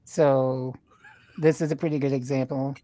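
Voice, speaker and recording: A man guesting on a casual podcast, cracking dry deadpan jokes. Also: medium pitch, no room sound. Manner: slow, dry deadpan humor. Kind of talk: casual crude banter.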